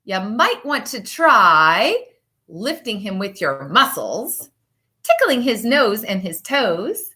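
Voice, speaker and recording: In a mid-range voice, a woman teacher chats with her class and reads aloud from a children's picture book, stressing words expressively and leaving deliberate pauses.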